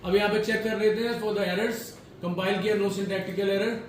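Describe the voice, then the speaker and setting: A man's voice: sits high, steady tone, moderate pace, a little hiss or hum. A man teaching a programming class in a classroom, mixing Hindi with English and quizzing his students as he goes. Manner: mixes Hindi and English, asks students questions. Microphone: far from the mic. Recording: very echoey room, distant mic, faint ambience.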